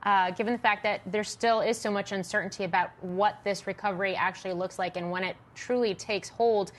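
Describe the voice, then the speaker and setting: American woman news anchor, medium pitch. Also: fairly even intonation, brisk. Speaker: television business news anchor. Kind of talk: news interview questioning.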